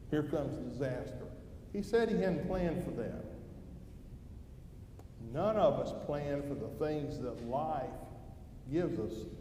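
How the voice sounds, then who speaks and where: At an evening service in a church hall, an older, grandfatherly man gives a folksy, conversational devotional, posing questions to his listeners. His voice is a little high yet dark in tone, and the roomy hall echoes, with noise in the background.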